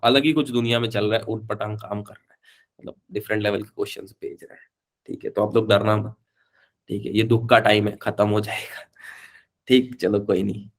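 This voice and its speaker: A man's voice: mid-range voice, fairly even intonation, normal speed. A man teaching a live online physics class, chatty, calling students beta and switching between Hindi and English.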